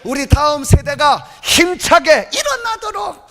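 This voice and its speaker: A woman preacher leading a lively, playful sermon in a church sanctuary, shouting cheers to the congregation. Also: sits high, unhurried. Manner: shouting, playful, rousing the crowd. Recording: long hall reverb.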